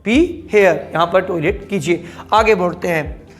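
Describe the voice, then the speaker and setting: A man's voice: sits high, measured pace. A young man teaching parents simple English phrases for their children, repeating each one and asking the listener to say it back. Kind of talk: spoken lesson for parents.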